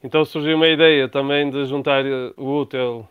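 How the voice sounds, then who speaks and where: Heard over phone-quality audio with no room sound, a guest speaks fairly quickly in a smooth, steady, medium-pitched voice. He's a traveler from Portugal in his thirties with a European Portuguese accent, giving considered interview answers and frequently starting his words over.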